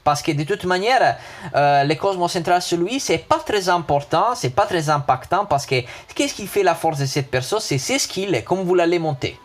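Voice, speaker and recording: Halting man, foreign accent in French. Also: high voice, expressive. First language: not French. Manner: halting, repeats words and restarts often. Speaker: gaming video host. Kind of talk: casual unscripted game character review.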